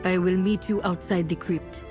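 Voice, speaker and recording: A woman's voice: on the low side, steady tone, normal speed, over music, close to an everyday voice. A woman voicing a solemn, reverent female troll follower of a goddess in a video game. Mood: firm.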